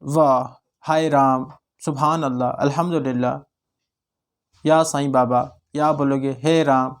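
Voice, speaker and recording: A man from Jammu and Kashmir teaches an exam-prep grammar lesson on an online class channel, his voice on the high side with a darkish tone. He often puts check questions to students and repeats definitions for them to memorize.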